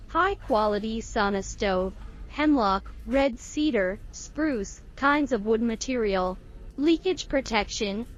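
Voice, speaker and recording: Higher-voiced woman reading promo, dull sound. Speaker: manufacturer's promotional narrator. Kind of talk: scripted promotional narration.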